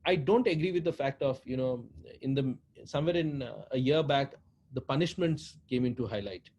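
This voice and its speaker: A man with an Indian accent speaks as an interview guest in a medium-pitched voice. He explains earnestly and repeats phrases for emphasis. There is clear background noise in the recording. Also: moderate pace, darkish tone. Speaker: interview guest, head of a social foundation. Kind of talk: interview talk, explaining at length.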